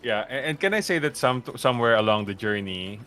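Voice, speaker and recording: A man's voice: mid-range voice, very animated, fairly quick, sharp tone, faint music behind. A man playing a tabletop game over voice chat, casually describing what his character does. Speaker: player.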